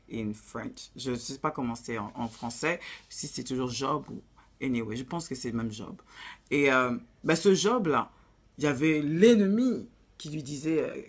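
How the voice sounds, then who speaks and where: A woman's voice: very deep voice, slightly rough. A woman with an African accent giving blunt, preachy relationship advice in a casual vlog, dropping in English phrases.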